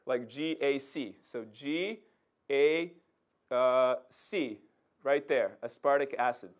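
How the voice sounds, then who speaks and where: A middle-aged Serbian man, from the former Yugoslavia, delivers an informal public science lecture as a physics professor, his voice a little high. He explains conversationally, checking in with listeners using "okay" and "right," while standing beside a projection screen in an indoor lecture room.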